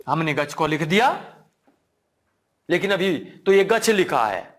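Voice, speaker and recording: A man's voice: lively intonation, a little slow. A man teaching a Sanskrit exam-prep lesson, repeating key words back to the class as questions and checking in with them again and again. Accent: Hindi. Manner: asks the class "ठीक है ना?" again and again; drops to a low, quiet voice at times.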